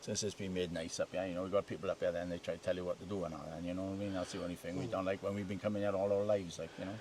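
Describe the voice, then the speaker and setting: A man's voice: deep voice, flat delivery, rapid-fire, darkish tone. An older man with a Welsh Valleys accent, chatting casually and colloquially about local life as a lifelong resident. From South Wales Valleys. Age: late 50s or older. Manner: colloquial, tags sentences with "like" and "innit". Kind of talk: casual reminiscing chat. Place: outdoors in a former colliery village. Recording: distant mic, outdoor ambient noise.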